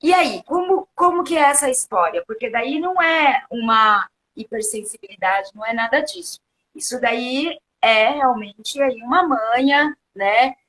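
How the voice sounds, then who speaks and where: A woman's voice: fairly high pitch, fairly bright tone, poor audio. A woman from Brazil hosting an interview, who asks conversational questions and often restarts and corrects herself. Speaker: host. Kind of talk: interview questions, casual chat.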